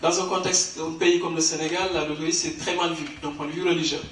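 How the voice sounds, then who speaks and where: A man's voice: fairly high pitch, flat delivery, fast, a bit bright, a little hiss or hum. A man presenting awards at an academic conference, explaining at length with many fillers and restarts. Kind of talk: hesitant spoken announcement. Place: conference hall. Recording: echoey hall from far off.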